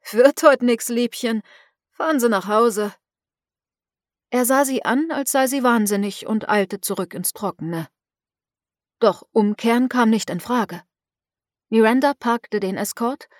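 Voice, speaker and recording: A woman reading a novel aloud as an audiobook narrator, in a measured, even way. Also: mid-range voice, no room sound, clean studio sound. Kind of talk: scripted narration.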